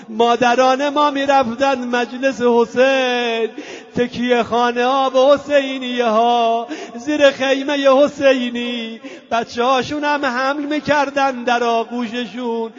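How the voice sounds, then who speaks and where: A man reciting a chanted mourning sermon at a religious gathering, moving between speech and a half-sung lament with drawn-out wails. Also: very high-pitched, little pitch movement. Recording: dull lo-fi recording.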